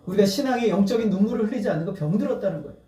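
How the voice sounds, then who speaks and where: A man with a high, expressive, dark-toned voice speaks at a racing clip. He's a pastor delivering an earnest sermon that builds toward emphatic appeals and breaks into laughter. It was recorded in an echoey church sanctuary with the mic at a distance.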